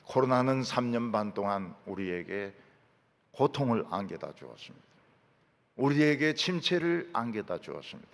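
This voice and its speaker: Animated, gravelly preacher. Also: male voice, mid-range voice, normal speed, in a large hall. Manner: emphatic, punctuates with short affirmations and rhetorical questions. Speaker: pastor. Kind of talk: sermon. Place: large church sanctuary.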